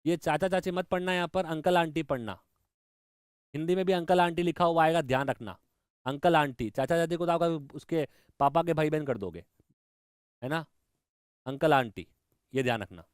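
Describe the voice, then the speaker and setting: A man's voice: on the high side, moderate pace, long pauses, clean tone, no echo. Man, reasoning teacher, enthusiastic, dry close recording. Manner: enthusiastic, talks to students directly, mixes in English terms. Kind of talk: online exam-prep lecture.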